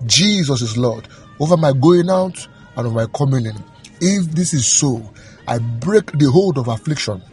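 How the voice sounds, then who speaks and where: A man's voice: medium pitch, expressive, normal speed, darkish tone, soft background music. A man leading fervent prayer, declaring and commanding in rhythmic, repeated phrases. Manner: rhythmic repetition, commanding, emphatic.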